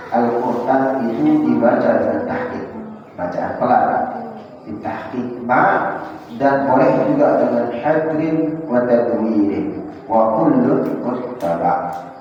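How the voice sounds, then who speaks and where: A man's voice: mid-range voice, slight background noise. Distant echoey man teaching Quran recitation. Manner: explains corrections, then chants Arabic examples slowly. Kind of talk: tajwid lesson to a congregation. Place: prayer room. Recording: distant, dull and echoey in a hall.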